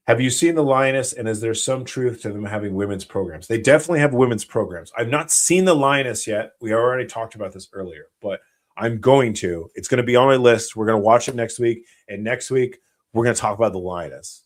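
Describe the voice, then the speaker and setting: An American man hosting a live Q&A stream, talking bluntly and rambling, with heavy swearing. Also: on the low side. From United States. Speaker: channel host, former special operations soldier.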